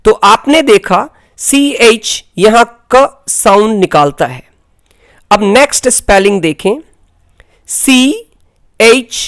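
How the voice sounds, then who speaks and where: Slow, deliberate Indian woman teacher. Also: mid-range voice, lively intonation. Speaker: English teacher. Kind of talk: scripted lesson narration.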